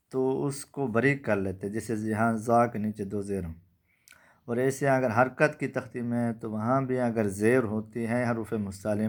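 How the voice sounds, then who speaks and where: A man teaching Quran reading to children. He chants the syllables slowly and then explains pronunciation in quick asides. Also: mid-range voice. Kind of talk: slow, drawn-out recitation drill with quick asides on pronunciation.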